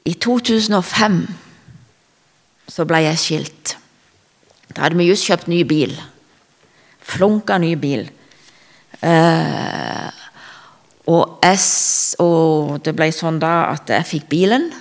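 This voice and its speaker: A woman delivers a sermon woven with her own testimony. Her voice sits low and carries a gravelly rasp. She preaches fervently, swelling to loud emphasis and then falling to near-whispers. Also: long pauses.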